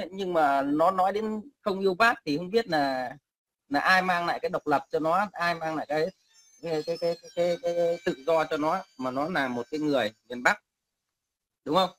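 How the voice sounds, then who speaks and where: A man's voice: high-pitched, a bit bright. A male caller ranting angrily and coarsely, often stammering and repeating words. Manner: angry, coarse, repetitive stammering. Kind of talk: heated call-in rant.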